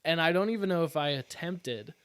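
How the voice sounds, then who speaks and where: Chill podcast guy, smooth voice, dry close mic. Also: fairly high pitch, fairly quick, dry recording. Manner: relaxed, chatty, many fillers. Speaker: podcast co-host. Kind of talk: casual chat.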